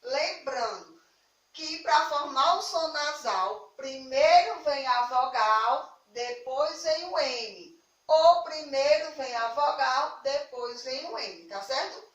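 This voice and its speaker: A woman's voice: high voice, echoey room, distant mic, highs cut off. Patient Brazilian woman teaching young kids. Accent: Brazilian Portuguese. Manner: affectionate, slow and patient, stresses key words. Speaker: primary school teacher. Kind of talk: recorded remote class for young children.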